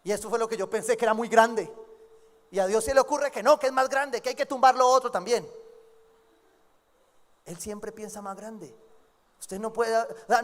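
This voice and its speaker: A man preaching a sermon as pastor, lively and joking as he acts out members of his church. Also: extremely high pitch. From Colombia. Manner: lively, acts out quoted congregants with humor. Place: church sanctuary. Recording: long church hall reverb.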